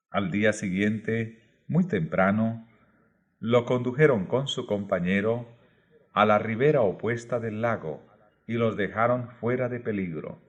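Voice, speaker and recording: Male audiobook reader, lowish voice, very unhurried, measured phrasing. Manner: slow, measured reading in short phrases. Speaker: audiobook narrator. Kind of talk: scripted narration of a religious book.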